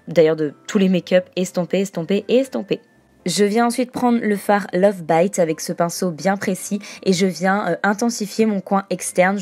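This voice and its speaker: A woman's voice: fairly low pitch, a little mellow, dry recording. Woman narrating a step-by-step makeup tutorial. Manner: explanatory, step by step, frequent fillers. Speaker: beauty vlogger.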